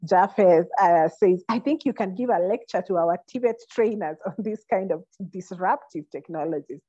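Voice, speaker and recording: A young woman moderates a webinar from a small room, thanking the guest and reading out the audience's comments. Her voice sits low and mellow, and the dry, dull call audio takes the sparkle off it. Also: moderate pace, breathy edge, no echo. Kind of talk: closing remarks and reading comments. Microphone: phone or laptop on a video call.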